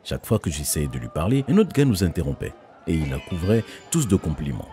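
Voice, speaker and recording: A man reading a first-person animated story in a scripted way. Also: sits low, fairly quick, faint music behind.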